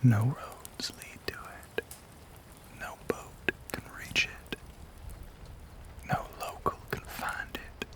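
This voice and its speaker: Whispering breathily for most of this intimate audio roleplay, a man with an American Southern accent lightly acts a menacing, courtly vampire who never ages. His genteel, theatrical lines come with long pauses, in the manner of ominous storytelling.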